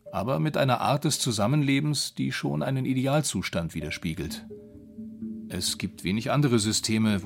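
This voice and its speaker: A man's voice: on the low side, gravelly. A man speaking freely and reflectively as an interviewed researcher. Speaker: primate researcher being interviewed. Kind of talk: unscripted reflective interview talk.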